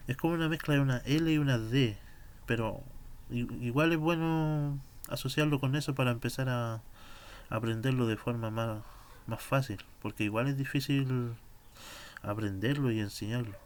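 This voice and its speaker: A man's voice: mid-range voice, slight background noise. A man teaching a language class, explaining sounds patiently and drawing out words for practice. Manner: slow, patient explanations with drawn-out pronunciation drills.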